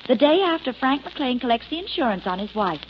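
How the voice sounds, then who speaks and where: An actress playing a sharp, wisecracking woman investigator in an old detective drama, breezy and brash. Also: high-pitched, very animated, brisk. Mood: cool, defiant. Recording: dull noisy old drama recording.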